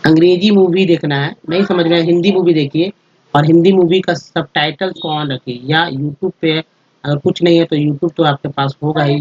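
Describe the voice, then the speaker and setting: A man's voice: on the high side, a little mellow, slightly rough, highs cut off. A man teaching a lesson over slides, explaining step by step, spelling letters out and repeating words, and often checking that his listeners follow. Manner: addresses viewers as friends, checks with "ठीक है". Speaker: English teacher.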